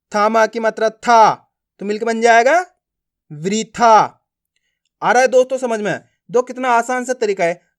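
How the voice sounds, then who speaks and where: A man teaching beginners to read, speaking with friendly classroom prompts and slow, drawn-out syllables. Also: very high-pitched. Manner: slow drilled pronunciation, repeated prompts to learners. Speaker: Hindi reading teacher. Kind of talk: classroom-style lesson.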